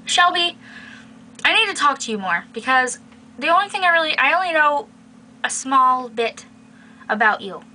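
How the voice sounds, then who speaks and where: A woman's voice: high-pitched, expressive, normal speed, long pauses, pushed and bright. A young adult woman chatting casually and playfully to camera as a video blogger, recorded in a small bedroom on the camera's mic. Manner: playful, teasing. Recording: noisy home webcam-style recording.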